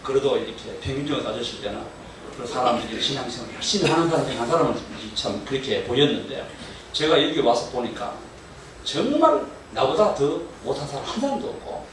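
A man's voice: mid-range voice, fairly quick. Man in his sixties, echoey hall. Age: 60s. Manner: earnest, chuckling, lively storytelling. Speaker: deacon giving a testimony. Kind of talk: church testimony. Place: church training hall. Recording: echoey hall from far off with noise.

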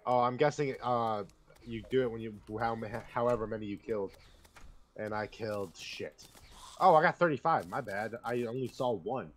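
A man playing a video game with a friend, swearing often and flaring into loud, frustrated outbursts. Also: medium pitch, normal speed. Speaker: gamer co-host. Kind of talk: casual gaming banter.

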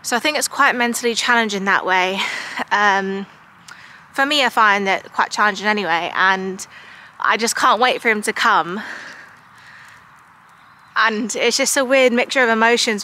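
A British vlogger in her thirties speaks casually and frankly to camera, rambling in a confiding way with plenty of "like" and "um." Her mid-range voice is bright and forceful, and she takes her time.

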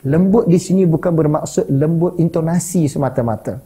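Animated Malaysian Malay preacher man. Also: fairly high pitch, breathy edge, low-quality recording. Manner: animated, slows to stress Arabic words, asks the audience questions. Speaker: religious teacher. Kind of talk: sermon lecture.

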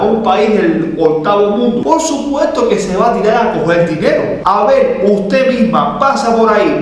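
Animated Cuban man, echoey room. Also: sits high. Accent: Cuban Spanish. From Cuba. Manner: animated, gesturing, mocking and emphatic. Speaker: host of a meme commentary channel. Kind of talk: casual commentary to camera. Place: small indoor room with neon lights.

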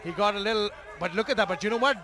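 A man doing live fight commentary, excitable and full of exclamations. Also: sits high, rapid-fire, crowd noise.

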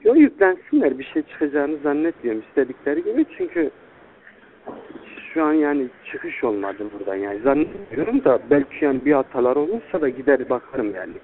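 A man's voice: mid-range voice, sing-song, brisk, a little hiss or hum. A young man, a student, speaking informally and deferentially to someone he treats as an older friend on a phone call. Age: young adult. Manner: deferential, repeatedly addressing the listener as older brother. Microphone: telephone. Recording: tinny, band-limited recorded phone call.

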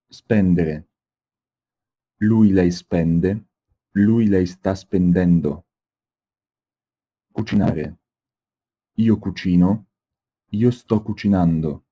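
Man, very low voice, husky, slow deliberate reading, dull lo-fi sound. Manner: slow, deliberate, carefully spaced. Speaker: language teacher reading examples. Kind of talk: slow read-aloud example sentences.

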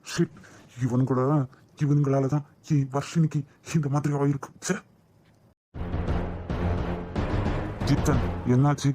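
A man's voice: fairly high pitch, little pitch movement, moderate pace, mellow, faint music behind, lightly acted. A man voicing a protective young boss in a cartoon drama, firm with his men and soothing with his wife. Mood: angry. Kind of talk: amateur cartoon voice acting.

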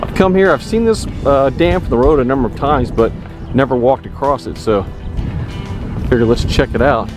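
Music plays behind this man's mid-range voice, which keeps a moderate pace. A travel vlogger in his forties, he's upbeat and chatty with frequent fillers, holding the camera at arm's length while outdoors on a lakeside dam and inside his camper van. It's a casual vlog with voice-over narration.

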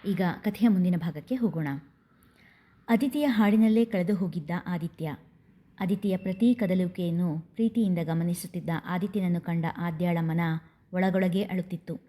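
A woman host narrating a serialized story in a gentle, even manner. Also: on the low side, moderate pace.

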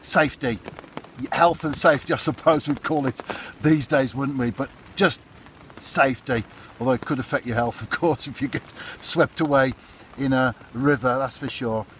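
A man's voice: medium pitch, moderate pace, a bit bright. Man in his fifties, chatty fishing vlogger, outdoors under umbrella, faint storm noise, close camera mic. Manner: chatty, repeats points, asks "isn't it?". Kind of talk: casual to-camera advice. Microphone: phone or camera close up. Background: storm wind and rain.

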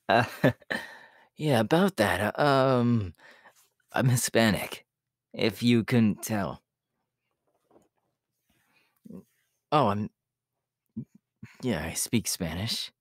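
Sero, a man playing an easygoing, slow-talking young student. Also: on the low side, lively intonation, no room sound, studio quality. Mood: bashful. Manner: hesitant, chuckling, informal, speaking straight to the listener. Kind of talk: ASMR audio roleplay, one-sided casual chat.

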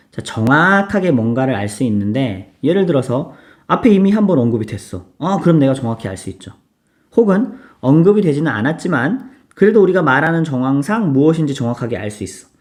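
A man teaching English grammar in a casual, chatty lecture, switching between relaxed and polite speech and asking students to repeat examples. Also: medium pitch, a little fast.

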